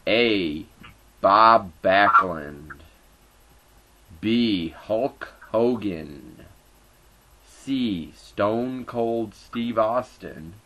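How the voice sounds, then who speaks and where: A man's voice: fairly low pitch, animated, drawn-out words, long pauses, pushed and bright, low-quality recording. A man hosting a casual sports talk show and reading trivia, playful with hyped announcer flourishes.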